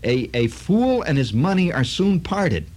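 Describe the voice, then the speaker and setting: A man's voice: a little high, big pitch swings, measured pace, darkish tone, a little hiss or hum, pitched above the performer's own voice. A man voicing a preachy older aunt who answers everything with a proverb, in a prim, lecturing tone.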